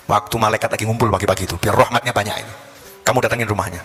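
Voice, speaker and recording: A man voicing a calm older Islamic teacher who gives steady, reassuring advice. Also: lowish voice, racing, faint music behind, pitched below the performer's own voice, lightly acted.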